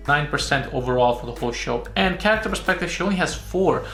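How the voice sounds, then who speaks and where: Here a comedian and YouTube reviewer from Romania talks in a fairly high, fairly bright voice. His review commentary is casual yet analytical, full of rephrasing, repetition, and check-ins of "right?". The audio carries a roomy echo with background music.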